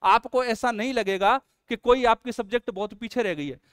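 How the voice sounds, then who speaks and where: A man's voice: very high voice, moderate pace, fairly bright tone, smooth, no room sound, clean studio sound. A man, an exam coaching teacher, walking students through a test series in an earnest, coaxing way. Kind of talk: promotional explainer lesson.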